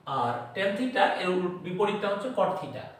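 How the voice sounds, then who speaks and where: A man teaching a math lesson slowly and deliberately, repeating memory rhymes for his students. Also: high-pitched, very animated. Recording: echoey room, voice far from the mic.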